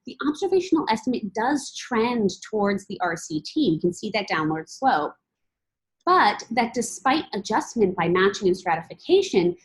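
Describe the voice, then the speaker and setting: A woman presenting research as a PhD candidate, explaining it in a measured, formal and methodical way. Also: mid-range voice, poor audio.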